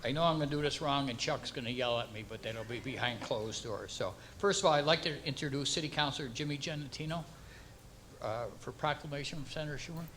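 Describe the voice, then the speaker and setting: A man serving as mayor, reading a formal proclamation and then speaking off the cuff with halting, repeated words. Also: mid-range voice, noisy background.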